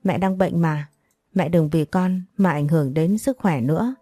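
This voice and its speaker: A woman's voice: lowish voice, moderate pace, dark tone, breathy edge, dry recording. A woman reading the lines of a remorseful young daughter in a storybook narration, humble and apologetic.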